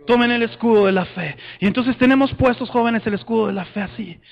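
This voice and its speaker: A man preaching a lively sermon, calling young people up and leading the congregation in shouted chants. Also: extremely high pitch, brisk, creaky, dull audio. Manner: energetic, calls people up, builds to shouted chants. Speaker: preacher leading a youth demonstration.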